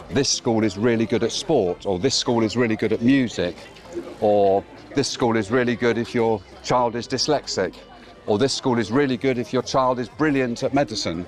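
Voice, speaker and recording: Low-voiced assured middle-aged man. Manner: measured, assured, explanatory. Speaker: former headteacher and admissions advisor. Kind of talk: conversational interview. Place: outdoors on city streets.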